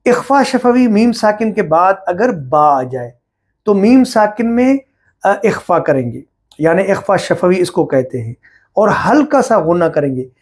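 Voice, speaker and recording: A middle-aged man teaching Quran recitation rules, explaining each point slowly and step by step. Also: sits high, sing-song, husky. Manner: slow, deliberate, explaining step by step. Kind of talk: religious lesson on recitation rules.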